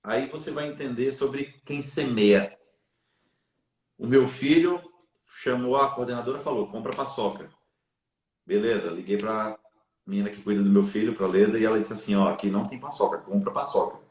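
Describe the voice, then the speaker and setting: A man's voice: fairly low pitch, normal speed, a little mellow. Earnest man telling a faith story, echoey room. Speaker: live stream guest. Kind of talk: storytelling in a live chat.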